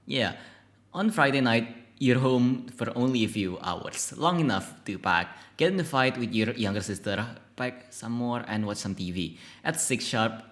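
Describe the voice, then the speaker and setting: A man streaming a text horror game, reading its narration aloud and reacting excitedly, swearing and stumbling over words. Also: lowish voice.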